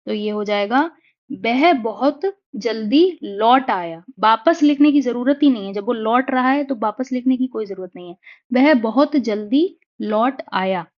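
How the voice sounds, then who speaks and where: A woman teaching Hindi spelling and sentence correction for exams, patiently repeating each corrected sentence slowly. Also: on the high side. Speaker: Hindi exam tutor. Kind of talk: explanatory exam-prep lesson. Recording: dull lo-fi recording.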